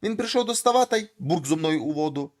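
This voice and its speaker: A man's voice: on the high side, lively intonation, fast talker, lightly acted. Man doing an eager young peasant lad. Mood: earnest.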